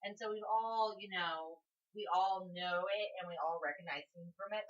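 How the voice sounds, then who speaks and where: A woman's voice: on the low side, normal speed, distant mic. A woman co-hosting a podcast, chattily retelling a novel's plot with asides. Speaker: podcast co-host. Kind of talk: casual book discussion. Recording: dull audio, slightly off-mic.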